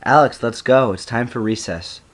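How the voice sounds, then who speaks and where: A man voicing a small, smart schoolboy who talks in an excited, teasing way. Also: fairly low pitch, a little fast.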